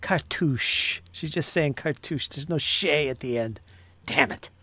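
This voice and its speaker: A man's voice: on the high side, unhurried, bright, forceful tone. A man hosting a miniature-painting stream, chatting casually and musing aloud over how words are pronounced. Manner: muses aloud over pronunciation, chatty and joking. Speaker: channel host painting miniatures. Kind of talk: casual chat while painting.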